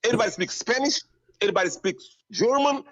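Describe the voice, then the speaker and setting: A man's voice: high voice, expressive, quick pace, fairly bright tone, husky, muffled recording. A man arguing in a heated debate, dismissive and argumentative. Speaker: debate opponent.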